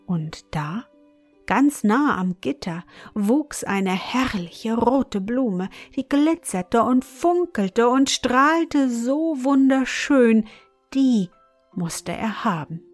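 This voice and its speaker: Slow, measured fairy-tale storyteller woman. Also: a little high, expressive, faint music behind.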